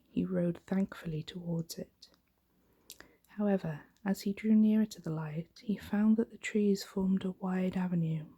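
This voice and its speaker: In a soft, breathy whisper pitched on the low side, a woman gently reads a bedtime story as a hushed ASMR performance.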